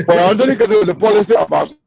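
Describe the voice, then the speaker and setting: A panelist on a call-in talk show, this man has a high-pitched, gravelly voice and speaks in rapid-fire bursts over music. Heard on a breaking-up conference call line with poor audio, he talks insistently and repeats himself in the casual chat.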